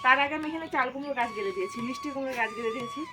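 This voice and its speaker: Quick, high-voiced young woman vlogging at home. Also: music in the background. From Assam, India. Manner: chatty, explains as she works, talks to viewers. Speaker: vlogger and homemaker. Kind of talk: casual home and cooking vlog. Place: home garden and kitchen.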